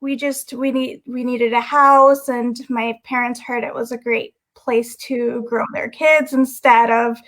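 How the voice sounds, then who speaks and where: A young woman from Guyana, a model, answering interview questions in a soft-spoken, hesitant way with frequent pauses and restarts. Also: on the high side, little pitch movement.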